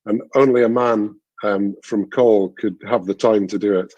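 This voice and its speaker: Halting low-voiced man. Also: fairly even intonation, darkish tone, dry recording. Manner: halting, dry self-deprecating humour. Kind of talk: casual video-call chat.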